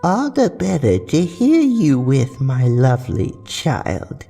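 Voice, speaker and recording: A beast pretending to be a frail old grandmother, as a male narrator puts her on, with a soft, raspy voice that swoops high and lively. It coaxes slowly and sweetly, its creaky tone heard from a distance with a long, hollow reverb. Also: faint music behind, exaggerated voice. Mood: falsely sweet. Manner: falsely sweet and coaxing. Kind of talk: storybook horror narration.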